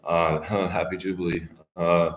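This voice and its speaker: A man's voice: sits low, flat delivery, a little slow. A man in his twenties talking to the camera in a rambling, profane monologue that often trails off mid-thought. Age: 20s. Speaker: vlogger. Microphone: camera facing speaker. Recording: echoey room.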